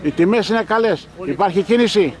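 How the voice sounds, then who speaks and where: A man asks short vox pop questions as a roving interviewer. His voice sits high. A busy crowd surrounds him at an open-air market. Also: lively intonation.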